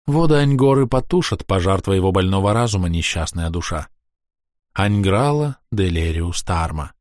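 A man voicing a calm female priestess who speaks softly and slowly, like a soothing incantation. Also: sits low, no echo, studio quality. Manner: soft, soothing, slow incantation. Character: calm, faintly amused female priestess casting spells.

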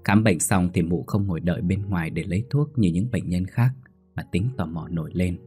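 A man narrating a scripted ghost story in a steady, somber way. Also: low-pitched, fairly quick. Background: faint music.

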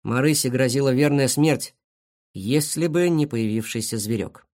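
Expressive storybook narrator, mid-pitched and even. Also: moderate pace. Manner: expressive reading. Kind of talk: audiobook storytelling.

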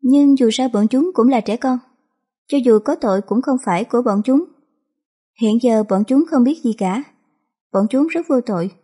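A woman's voice: fairly high pitch, moderate pace, dark tone, slightly rough. A woman voicing a troubled young man who earnestly pleads to spare his younger siblings.

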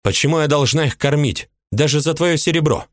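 A man doing a shrill jealous widow. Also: a little fast, no room sound, clean studio sound, close to an everyday voice. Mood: furious. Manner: shrieking, scolding, tearful reproach. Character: angry jealous young widow, shrill and accusing. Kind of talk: audiobook character voice.

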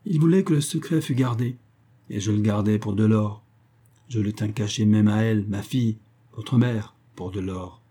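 A man's voice: lowish voice, normal speed, dark tone, breathy edge. A man reading an audiobook voices a greedy, spiteful old woman on her deathbed, wheedling and gasping. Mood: bitter. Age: older. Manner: wheedling, mercenary, cackling. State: dying, gasping out syllables.

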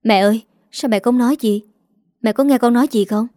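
A woman voicing a young office-worker daughter, soft and pleading with her mother. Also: fairly high pitch, brisk, no echo, studio quality, natural voice. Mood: worried.

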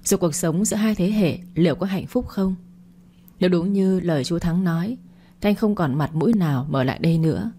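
A woman narrating an audio story in a steady, dramatic storytelling manner. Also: fairly low pitch, a little fast, slightly rough. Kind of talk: scripted narration.

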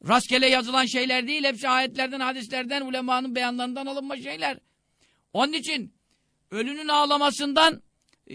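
Male preacher, high bright voice, dry close mic, emphatic sermon delivery. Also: dry recording. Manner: preaching with rising emphatic exhortations. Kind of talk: religious sermon on radio.

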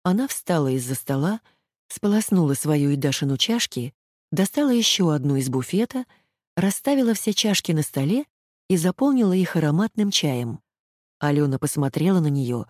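A woman narrating an audiobook in an even, measured reading. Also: low voice, no echo, studio quality.

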